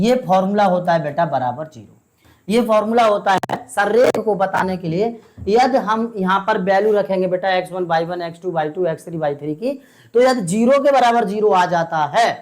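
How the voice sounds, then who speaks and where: Woman, maths teacher, patient, step-by-step explanation, quizzes her students, middle pitch. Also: a little mellow. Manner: patient, keeps asking the students questions and calls them "beta".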